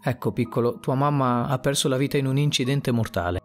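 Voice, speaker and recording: A man voicing a calm police officer who gently coaxes a frightened child, in a told story. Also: mid-range voice, a little fast, faint music behind, close to an everyday voice. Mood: reassuring.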